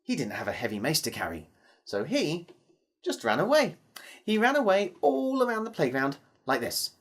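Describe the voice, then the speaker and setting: Telling a story to children, this mid-range voice swings hugely in pitch. The delivery is theatrical, full of dramatic pauses and questions for the audience.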